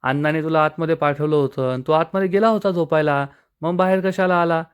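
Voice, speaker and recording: A man's voice: a little high, fairly even intonation, a little fast, smooth, natural voice. A man voicing a nosy, forgetful young man who keeps questioning in a whiny, insistent way.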